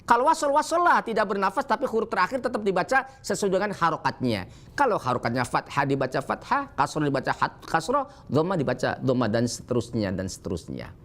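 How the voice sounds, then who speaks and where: Indonesian male Quran teacher, somewhat high voice, emphatic televised lesson delivery. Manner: alternates explanation with slow chanted Arabic recitation examples; emphatic, animated when correcting mistakes.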